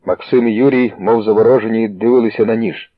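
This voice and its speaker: A man narrates a story in a steady, measured way, with a low, husky voice. The sound is tinny and phone-like, dry with no room echo. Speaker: audiobook reader.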